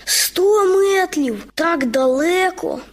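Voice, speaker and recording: Woman doing a little boy bunny for a kids' radio story: high, slow, earnest. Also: animated, exaggerated voice. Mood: alarmed. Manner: slow, earnest, wide-eyed. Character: small timid boy bunny.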